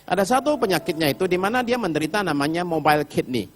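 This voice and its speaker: A middle-aged man preaching a sermon, telling Bible stories in an animated way and acting out the characters. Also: high voice, fast talker. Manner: animated storytelling, acts out Bible characters with shouted pleas. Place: church hall.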